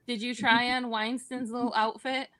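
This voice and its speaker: A woman's voice: on the high side, little pitch movement, normal speed, a bit bright. A woman chatting casually as a co-host during an online game. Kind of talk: casual chat.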